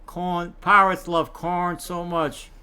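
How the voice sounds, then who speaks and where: Older man, clown entertainer, folksy joker, bright voice. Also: high-pitched, level tone, slow, smooth. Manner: folksy, joking, tells corny puns. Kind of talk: casual interview chat.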